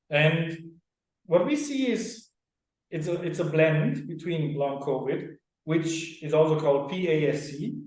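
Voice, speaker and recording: A middle-aged Austrian man, a clinic director and co-founder, guests on a radio interview in a slightly high, darkish voice. He talks earnestly and at length in an explanatory way, often tagging sentences with "right?", and the recording sounds very echoey and distant.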